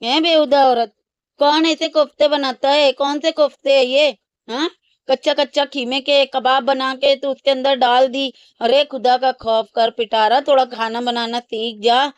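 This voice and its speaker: A woman delivers a casual, ranting reaction commentary in a scornful, scolding tone. Her voice sits a little high and comes through smooth and clear. The sound is close and dry. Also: no echo, highs cut off. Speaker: reaction channel host.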